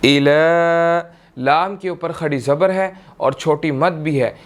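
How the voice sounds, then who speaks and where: A man with a Pakistani Urdu accent teaching tajweed, chanting verses in long drawn-out tones and then explaining each rule briskly, often checking in with "theek hai". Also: fairly high pitch. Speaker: Quran recitation teacher. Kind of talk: tajweed lesson, slow chanted recitation then quick explanation.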